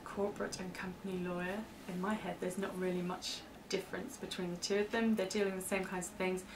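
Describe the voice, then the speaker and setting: A British woman, interviewed for staff training, explains legal terms informally, hedging loosely and leaning on "kind of." Her voice is fairly low and level in tone, and she speaks briskly. A distant mic picks her up with faint background noise.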